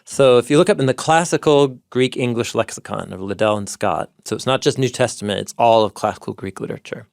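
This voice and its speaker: A man co-hosting a podcast in an eager, scholarly way, digging into ancient sources. His voice has a gravelly creak and an average pitch. The studio sound is close and dry. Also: a little fast, hardly any pauses, dry recording. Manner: enthusiastic scholarly explaining, citing ancient sources. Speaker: podcast co-host, Bible teacher. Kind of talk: explanatory podcast conversation.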